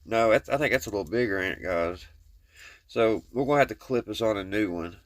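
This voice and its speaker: With a fairly low voice at a slightly fast clip, recorded at studio quality without echo, the host of a hobby repair video channel talks to his viewers. He has a Kentucky Southern accent, is from Kentucky, and keeps things casual, plain, folksy and rambling as he works with his hands.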